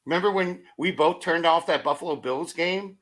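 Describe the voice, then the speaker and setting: A middle-aged man on a motivational podcast, telling energetic stories full of rhetorical questions and acted-out asides. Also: on the high side, normal speed. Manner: acts out his own thoughts in quoted asides. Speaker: podcast guest.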